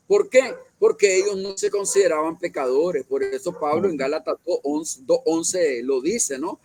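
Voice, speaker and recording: A man's voice: fairly high pitch, a little mellow, husky, no room sound. A man leading a Bible study, explaining at length, with many fillers and self-corrections. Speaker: church leader.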